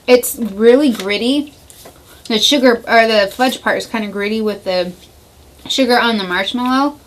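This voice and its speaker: A woman's voice: fairly high pitch, moderate pace, slight background noise. A woman hosting a casual taste-test vlog, chatting and giving blunt opinions about sweets. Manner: chatty, blunt reactions, frequent laughs. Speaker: vlog host.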